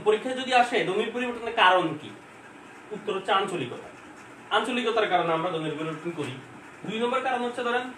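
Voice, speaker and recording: A man teaching an informal online exam-prep class from home, talking conversationally and often asking questions and answering them himself. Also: high-pitched. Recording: echoey room, far from mic, faint hiss.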